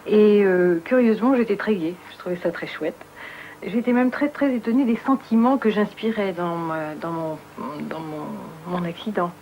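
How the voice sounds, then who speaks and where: A woman giving a personal testimony, halting and searching for words, often repeating herself. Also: mid-range voice, highs cut off, slight background noise. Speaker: near-death experience witness.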